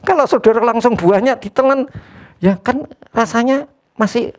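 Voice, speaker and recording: A pastor preaching an online sermon in an easygoing, talky style. The speech comes in short phrases, often closed with a questioning "ya", with frequent direct address to the listeners as brothers and sisters. The pitch sits at an ordinary middle level. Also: measured pace.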